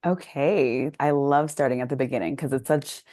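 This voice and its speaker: Woman from Texas, very deep voice, chatty reflective storytelling, podcast guest. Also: moderate pace, dark tone. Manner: chatty, reflective, uses "like" often. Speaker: podcast guest, business coach. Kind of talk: casual interview storytelling.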